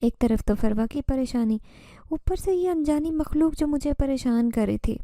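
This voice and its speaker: A woman narrating a first-person horror story with steady, dramatic recounting. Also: sits high, no room sound, studio quality.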